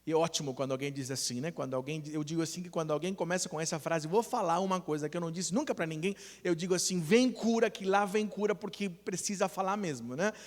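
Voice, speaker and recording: A man preaches a sermon in a high voice, earnest and storytelling, often voicing the people in his stories. The sound has the long ringing reverb of a church hall. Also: quick pace, hardly any pauses. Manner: earnest preaching with retold dialogue, rising to loud emphasis. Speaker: pastor.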